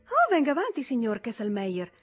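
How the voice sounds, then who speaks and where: A woman voicing a lively, indignant young wife in a storybook reading. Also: on the high side, a little fast, faint music behind, pitched above the performer's own voice.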